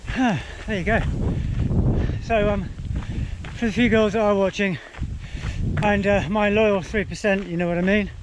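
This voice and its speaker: A man's voice: high-pitched, fairly even intonation, a little slow. A man chatting casually to his vlog while out running, in a rambling, dryly self-deprecating way. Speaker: running vlogger. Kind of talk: casual vlog commentary to camera. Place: outdoors on a rural running route. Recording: outdoor ambient noise, passing vehicles.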